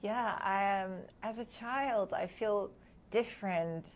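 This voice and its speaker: A woman in her thirties from Hong Kong, a guest speaking candidly and reflectively in an interview, often laughing softly between thoughts. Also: medium pitch, slow pace, a little hiss or hum.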